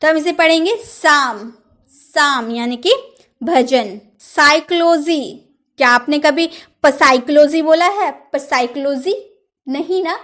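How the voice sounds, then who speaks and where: Woman teacher, high voice, drilling pronunciation with rhetorical questions. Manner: drills words, asks the viewer rhetorical questions. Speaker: English teacher. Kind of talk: pronunciation lesson.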